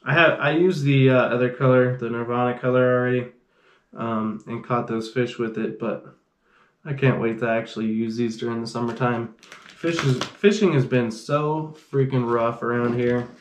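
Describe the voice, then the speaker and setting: This fishing channel host, a man in his thirties, has a medium-pitched voice with fairly even intonation and a moderate pace. He rambles in a relaxed way through a casual unboxing vlog, saying "freaking" often, while his small indoor gear room echoes around him.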